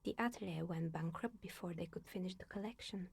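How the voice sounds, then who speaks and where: A woman voicing a chatty older woman in a video game, telling local stories in a dry, wry, breathy way. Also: lowish voice, fairly quick, no room sound, full character voice. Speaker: game character. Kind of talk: voiced video game dialogue.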